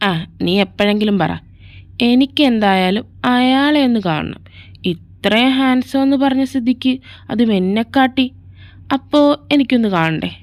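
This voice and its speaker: A woman's voice: a little high, lively intonation, moderate pace, no room sound, studio quality, lightly acted. A woman voicing a bossy, teasing young elder brother in a fan fiction audio story, talking in a sarcastic, nagging way.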